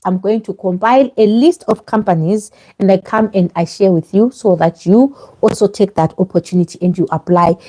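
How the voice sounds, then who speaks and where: A woman's voice: fairly low pitch, warm tone. Woman with fuzzy distorted mic. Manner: direct, emphatic, repeats herself. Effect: fuzzy distorted microphone sound. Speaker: vlogger giving visa advice. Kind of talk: live stream chat. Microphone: clip-on microphone, later removed.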